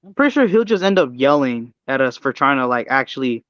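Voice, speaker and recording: A man's voice: medium pitch, very animated, a little fast, fairly bright tone, no room sound. Dry, muffled male co-host. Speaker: podcast co-host. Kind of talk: casual reaction chat.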